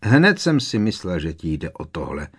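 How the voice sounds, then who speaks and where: A man's voice: sits low, wildly swooping pitch, husky, full character voice. A man voicing an irritable, scornful grown man who talks sharply and impatiently, in an audiobook.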